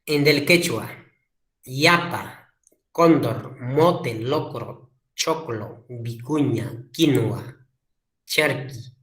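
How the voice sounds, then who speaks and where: A man teaching a language class, slowly repeating key words for emphasis. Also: mid-range voice, fairly bright tone. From Peru. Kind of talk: classroom lecture. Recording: echoey room.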